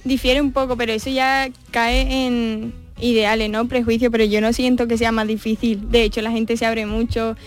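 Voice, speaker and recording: A woman with a somewhat high voice chatting on a radio show, eagerly agreeing and sharing her own anecdotes, with faint music behind her. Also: flat delivery, normal speed, few pauses. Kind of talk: casual radio chat.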